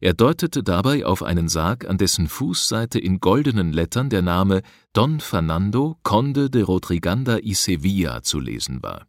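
Deep-voiced male audiobook narrator. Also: big pitch swings, normal speed, few pauses, no echo, clean studio sound. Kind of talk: scripted narration.

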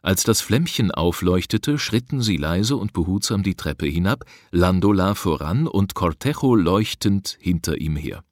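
A man narrating an adventure novel in a measured, steady storytelling manner. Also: deep voice, dry recording, studio quality. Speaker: audiobook narrator. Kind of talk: scripted narration.

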